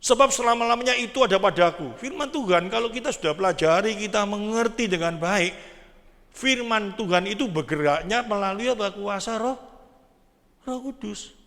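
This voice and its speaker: A man's voice: sits high, animated, moderate pace, a bit bright, big-room sound. A man preaching a sermon as pastor, often asking the congregation questions. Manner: asks the congregation rhetorical questions. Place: church sanctuary.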